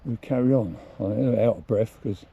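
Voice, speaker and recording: A man with a fairly low voice talks to the camera in a chatty, plain-spoken way, thinking aloud as he goes. He is outdoors on a mountain trail in the rain. The recording is noisy, with outdoor ambience and the sound of a vehicle behind him. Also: normal speed, gravelly, phone-quality sound. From England. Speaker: motorcycle vlogger. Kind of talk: casual talk to camera.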